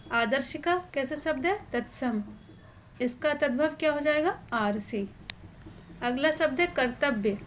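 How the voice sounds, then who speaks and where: A woman's voice: high-pitched, fairly bright tone, a little hiss or hum. A woman teaching a grammar lesson for exam students. She asks a question and then answers it herself, and she points out which words matter for the exam. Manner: stresses the exam-important words.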